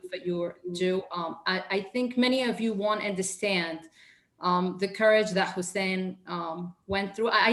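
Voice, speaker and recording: Hesitant woman in an echoey room on a call. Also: medium pitch. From Syria. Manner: hesitant, with many fillers and restarts. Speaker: audience member asking a question. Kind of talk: speaking on a video call. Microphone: video call. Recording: roomy echo on a video call.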